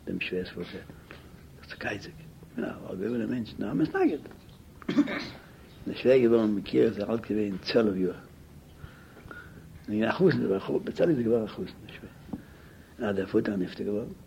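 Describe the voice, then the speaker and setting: An older man telling his memories in an interview, in halting, fragmented speech that keeps repeating words, on a muffled, hissy lo-fi tape. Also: on the low side, gravelly. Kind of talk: oral history interview. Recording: muffled lo-fi tape with loud hiss.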